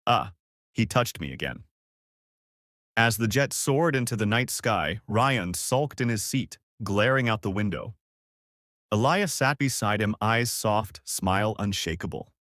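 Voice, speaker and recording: A man narrating a romance story in an expressive, lively storybook style. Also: lowish voice, measured pace, no room sound, clean studio sound.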